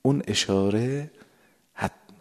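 A religious lecturer delivers a sermon to a gathered audience, explaining a prayer text. His voice is medium in pitch and a little mellow, and he draws out his words, sometimes dropping suddenly to a whisper.

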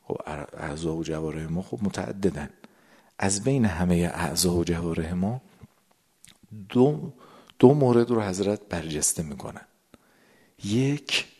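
A man's voice: low-pitched, expressive, dark tone, slightly rough. A man giving a sermon to a gathered audience, explaining a prayer text, stretching his words and sometimes dropping to a whisper. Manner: drawn-out words, sudden drops to a whisper. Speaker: religious lecturer.

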